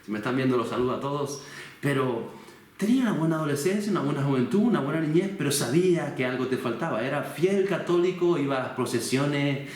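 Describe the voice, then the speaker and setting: A man's voice: fairly high pitch, lively intonation, quick pace, darkish tone. A man from the Canary Islands, preaching an earnest, personal sermon from his home with many rhetorical questions. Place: room at home. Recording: very echoey room.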